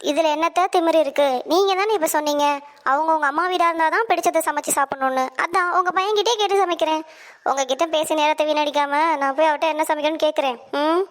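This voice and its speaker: A woman's voice: sits high, fast, lightly acted. A woman acting a cheeky young daughter-in-law who talks back with mock politeness in a comic skit.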